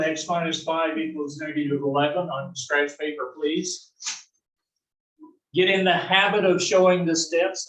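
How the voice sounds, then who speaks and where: Heard from a distant mic in an echoey classroom, a south-central US man lectures his algebra class in a folksy way. He likes corny jokes and keeps asking "right?", and his voice sits on the high side with a bit of brightness.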